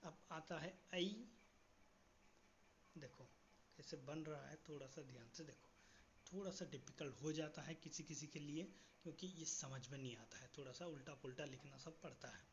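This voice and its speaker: A man teaches a writing lesson to students, asking quiz questions and slowing down to spell out each letter. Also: on the high side. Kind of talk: classroom-style writing lesson. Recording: dull lo-fi audio with faint background hiss.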